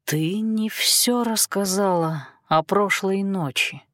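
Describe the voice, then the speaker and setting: A woman voicing a young man who speaks slowly, quietly and with soft menace. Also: flat delivery, no echo, clean studio sound. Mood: quietly menacing. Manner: low, quiet, slow and menacing.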